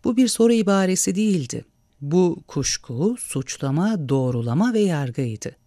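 A man reading a novel aloud in a measured, expressive narration. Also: sits high, no echo, clean studio sound. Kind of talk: storybook narration.

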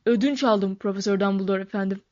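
A woman voicing a huge, soft-hearted male half-giant who speaks loudly, stammers and sobs, in a storybook reading on a dull, lo-fi recording. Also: medium pitch, quick pace, close to an everyday voice. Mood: earnest. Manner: loud, stammering, tearful. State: sobbing.

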